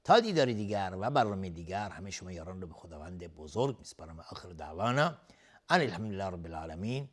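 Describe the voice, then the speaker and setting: A man hosting a tajweed lesson, reciting verse fragments in a slow, drawn-out way and then explaining each rule in a brisk, plain teaching voice. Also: deep voice, sing-song. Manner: draws out recited words slowly, then explains rules briskly. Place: TV studio.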